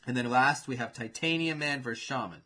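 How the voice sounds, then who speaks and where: A man hosting a casual chat, telling imagined fight matchups in an animated, swearing play-by-play. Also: medium pitch, fairly quick.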